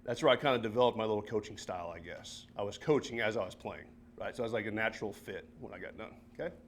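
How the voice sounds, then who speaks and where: A man in his early forties, a high school football coach, giving a personal talk at a seminar in a church, chatting with many fillers and tag questions. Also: fast, slight background noise. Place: church meeting room.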